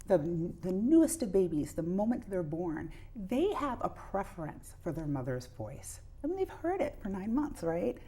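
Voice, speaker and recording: A woman's voice: on the low side, very animated, moderate pace, few pauses, mellow, slightly rough. A middle-aged woman, a pediatrician giving earnest explanations with examples as an interview guest. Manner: earnest, illustrates points with examples.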